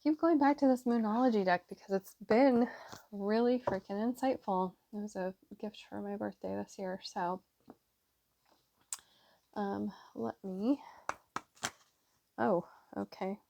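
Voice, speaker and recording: A woman's voice: medium pitch, steady tone, unhurried, vocal fry, pauses often, dark tone, dull audio. A woman giving a casual tarot reading to her viewers, chatty and rambling with many fillers. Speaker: tarot reader.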